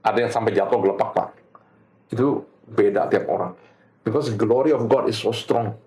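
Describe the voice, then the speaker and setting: Earnest middle-aged man, animated storyteller. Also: on the low side, moderate pace. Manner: earnest, switches often between two languages; animated, laughs while telling stories. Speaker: guest giving a faith testimony. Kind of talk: casual conversation.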